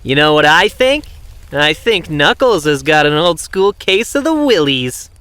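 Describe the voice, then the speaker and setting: A man's voice: on the high side, very animated, unhurried, bright, forceful tone, clean tone, no room sound, full character voice. A man voicing a cocky, playful young cartoon hedgehog hero with a breezy, theatrical manner in an audio drama. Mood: teasing. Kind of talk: animated audio drama acting.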